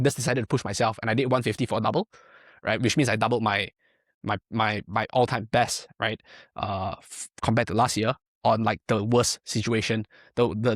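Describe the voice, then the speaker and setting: In studio-quality sound with no echo, a young powerlifting coach from Malaysia gives a loose, rambling podcast interview. His lowish voice is thick with fillers like "like" and tags such as "right?".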